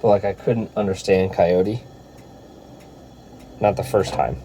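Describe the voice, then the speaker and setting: A man's voice: low-pitched, takes it slowly, background noise. A man chatting casually in a vlog, telling stories loosely with lots of filler words, indoors. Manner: laid-back storytelling with filler words. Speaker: vlogger.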